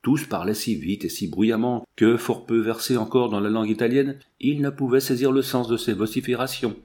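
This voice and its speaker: A man reading a novel aloud as an audiobook narrator, in steady, measured storytelling. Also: medium pitch. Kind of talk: scripted narration.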